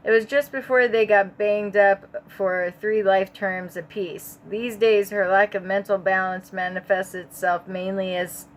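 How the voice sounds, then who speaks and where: A woman's voice: medium pitch, steady tone, unhurried, few pauses, a little hiss or hum. A woman reading a story aloud, sick and a bit stoned, in a loose, casual delivery. She stumbles and corrects herself, breaks off for chatty asides, and swears without a second thought. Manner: rambling asides, stumbling over words, swearing. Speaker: audiobook reader. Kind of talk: casual amateur audiobook narration.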